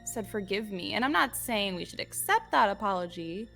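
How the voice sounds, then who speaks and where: A woman's voice: mid-range voice, big pitch swings, normal speed, vocal fry, a bit bright, faint music behind. A woman playing a tabletop role-playing game, talking casually in character and describing her character's actions. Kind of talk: casual in-character discussion and narration.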